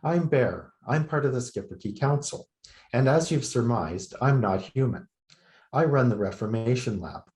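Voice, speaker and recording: A man voicing a calm, patient male talking dog who explains things steadily, heard in a roomy space. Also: mid-range voice, measured pace, natural voice. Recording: roomy reverberant venue.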